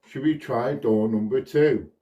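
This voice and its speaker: A man performs as a kids party magician with simple, playful patter. His voice sits at an average pitch. He is from the UK and is picked up by a distant microphone. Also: a little slow, warm tone, dull audio. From United Kingdom. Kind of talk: scripted children's magic patter.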